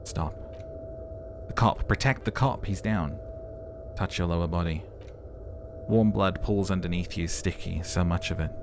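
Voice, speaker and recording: Here the let's player has a low voice, a measured pace and long pauses. He narrates the game dramatically, breaking into casual, sweary remarks, with game sounds faintly audible behind him.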